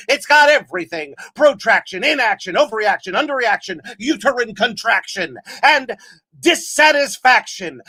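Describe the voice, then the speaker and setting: A man, an actor and playwright, performing a satirical poem as loud, rhyming carnival-barker patter that sometimes rises to shouts. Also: very high voice.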